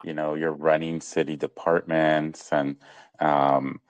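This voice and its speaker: A man's voice: extremely low pitch, level tone, slow, no room sound, muffled recording. A man hosting a podcast, chatting loosely with lots of fillers and easy laughs. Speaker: podcast host. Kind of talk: casual interview chat.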